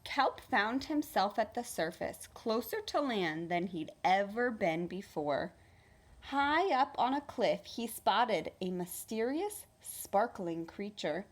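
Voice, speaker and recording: A woman with a medium-pitched voice reads a children's storybook aloud like a teacher, using an expressive, deliberate storytelling manner.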